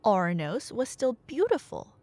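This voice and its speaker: A woman does an audio roleplay as a chatty nerdy girlfriend who excitedly retells Greek myths, telling the story casually and tossing playful asides to an unheard listener. Her voice is a little high and a little mellow, with big swings in pitch at a normal speed, and the recording is dry.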